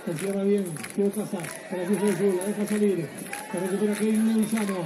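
A man's voice: high voice, level tone, a little fast. A man giving live football match commentary as the commentator. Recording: noisy outdoor stadium with crowd. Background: crowd and outdoor stadium noise.

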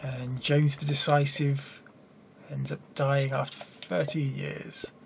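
A young man casually commentating as he plays a game, reading its text aloud and thinking out loud hesitantly. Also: medium pitch, little pitch movement, slow pace, vocal fry, a little hiss or hum. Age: young adult. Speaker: gamer playing and commenting on a card game. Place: small room indoors at a desk. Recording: game music behind the voice. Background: game music.

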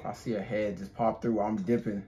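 A young man doing scared horror game commentary, excitable and easily startled, as a streamer. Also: on the low side, normal speed, lo-fi sound. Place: small indoor room at home. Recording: noisy room, clear background noise.

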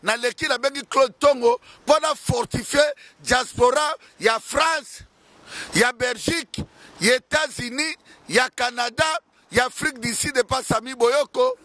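A man in his forties giving an impassioned political address to camera in a city square, speaking into a handheld microphone with forceful, declamatory delivery. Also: very high voice, a little slow. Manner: fiery, declamatory, shouting at times, gesturing. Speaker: activist news presenter. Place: city square outdoors, winter. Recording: street noise behind.

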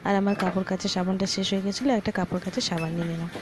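A woman with a steady, mid-range voice films her daily chores on a phone, chatting to viewers step by step in a casual vlog. She's a mother and home vlogger, talking at a racing pace at home and while out shopping, with noisy sound behind her.

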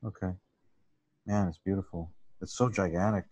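A man's voice: deep voice, steady tone, normal speed, a little mellow, breathy edge, highs cut off. A man hosting a casual video call chat, effusive and enthusiastic, often searching for words. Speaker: host interviewing a photographer.

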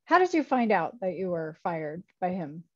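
A woman moderating a webinar, asking the guest questions in a measured way and reading out audience questions. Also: fairly low pitch, sing-song, no echo. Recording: dull dry webinar audio.

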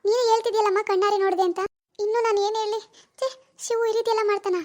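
A woman's voice: extremely high pitch, steady tone, rapid-fire, a little mellow. A woman acting as an older mother-in-law who soothes her daughter-in-law while stirring trouble against her son. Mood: concerned. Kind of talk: amateur family drama acting.

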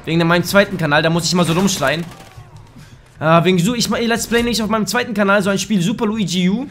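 A young man giving crude, excitable let's play commentary in a slightly hoarse voice, now and then bursting into shouts. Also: high voice, fast talker, soft background music. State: a bit hoarse. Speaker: gaming YouTuber. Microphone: desk microphone.

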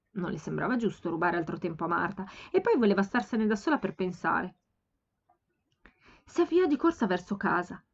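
Calm woman reading an audiobook. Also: mid-range voice, lo-fi sound. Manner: calm, steady storytelling. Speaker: amateur audiobook reader. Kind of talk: audiobook narration.

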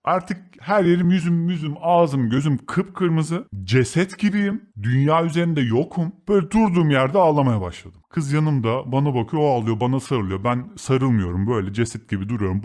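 A man's voice: medium pitch, a little mellow. A young man from Turkey telling a personal story as a podcast host, in a blunt, slangy way that swears freely. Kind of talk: casual confessional storytelling.

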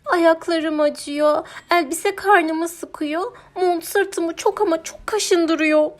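A woman voicing a vain, stubborn female cow who exclaims loudly and whines in drawn-out words, in a children's audiobook. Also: high voice, faint music behind, voice pushed up, natural voice. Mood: whining.

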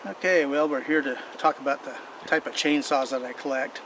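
A man's voice: mid-range voice, a little fast. An older man casually showing off old equipment outdoors in a backyard, talking in a folksy, rambling way that often restarts its sentences. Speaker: vintage equipment collector and channel host. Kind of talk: casual show-and-tell talk. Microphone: camera mic from several feet away. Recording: distant outdoor camera audio with steady background hum.

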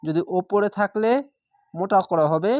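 A man teaching how to read scripture, spelling it out syllable by syllable in a patient, drawn-out way and repeating the rules. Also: sits high, darkish tone, dry recording, clean studio sound. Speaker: Quran reading teacher. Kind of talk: spelling-out recitation lesson.

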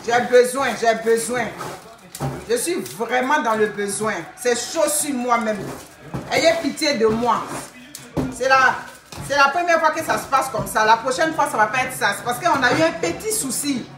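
A woman's voice: a little high, normal speed, recorded from a distance, crowd noise. A middle-aged woman, hosting a casual livestream and pleading with her viewers, repeating herself and talking to them directly. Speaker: livestream host recruiting workers. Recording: echoey room, voice away from mic, faint noise.

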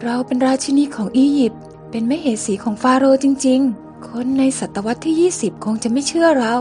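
Woman as young manga queen girl, soft and pleading, high-pitched. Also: a little fast, soft background music, close to an everyday voice. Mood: tender, anxious. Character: young modern girl turned Egyptian queen, tender, tearful.

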